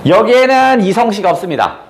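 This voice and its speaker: Playful male teacher with a lively voice. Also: high-pitched, fairly quick, slight background noise. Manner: playful, acts out quotes, teases students with mild swearing. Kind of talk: casual classroom storytelling lesson.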